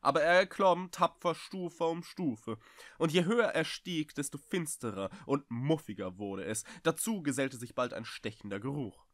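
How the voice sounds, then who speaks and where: Expressive German-reading man, dry sound. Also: a little high, normal speed, no echo. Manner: expressive, vivid. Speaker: audiobook reader. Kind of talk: dramatic storybook reading.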